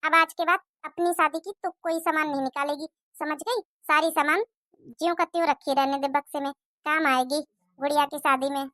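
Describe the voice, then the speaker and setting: A woman's voice: high voice, fairly even intonation, normal speed, pushed and bright, no room sound, clean studio sound. A woman voicing a scolding, stingy middle-aged mother-in-law who nags and complains. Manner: nagging, scolding.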